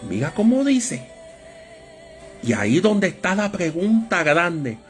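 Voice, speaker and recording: A man preaching a Bible study sermon, with a lively storytelling manner that acts out voices in anecdotes. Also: sits high, takes it slowly, soft background music.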